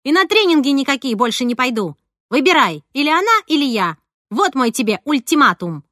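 A woman voicing a jealous, sharp-tongued teenage girl who sneers and shouts. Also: high-pitched, sing-song, a little fast, dry recording, clean studio sound, pitched above the performer's own voice. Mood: angry.

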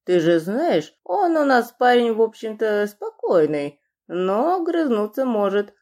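An oily, gurgling fat villain, as a woman reader puts him on, balding and menacing. He slides into shrill squeals, his voice swooping widely. An audiobook character voice. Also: sing-song, unhurried, darkish tone. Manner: oily menace turning to shrieking.

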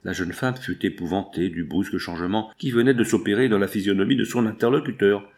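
Gravelly low-voiced male narrator. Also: darkish tone. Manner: measured storytelling. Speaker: audiobook narrator. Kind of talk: scripted narration.

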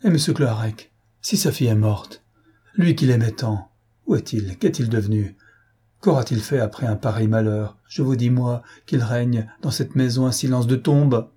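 A man's voice: mid-range voice, moderate pace, dark tone, breathy edge, natural voice. A man voicing a feverish, bedridden young man, agitated and imploring, in an audiobook. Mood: frantic.

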